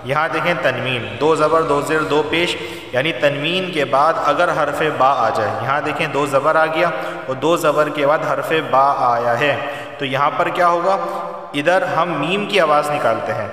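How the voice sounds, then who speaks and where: A man teaching the Quran, chanting verses slowly and melodically, then explaining the recitation rules in a plain, patient lecturing voice. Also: fairly high pitch, bright, forceful tone. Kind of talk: Quran recitation and tajweed lesson. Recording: roomy echo, long reverb, distant mic.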